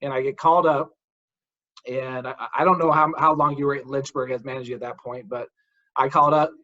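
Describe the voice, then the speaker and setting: A man's voice: medium pitch, steady tone, a little fast, sharp tone. A man in his forties hosting a casual interview, enthusiastic and storytelling, saying dude a lot. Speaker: podcast host, mental coach. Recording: dull lo-fi audio.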